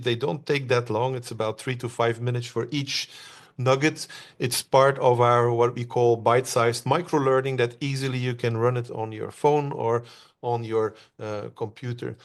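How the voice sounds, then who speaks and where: A man from Belgium gives an online presentation, talking in a loose conversational way with frequent "uh" pauses and questions put to his audience. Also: medium pitch, steady tone.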